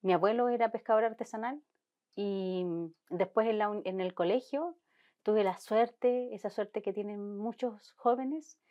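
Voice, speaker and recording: A Chilean marine biologist from Chilean Patagonia speaks thoughtfully in a conversational interview, often restarting as she searches for words. Her voice is mid-range and her pace measured, in a muffled recording.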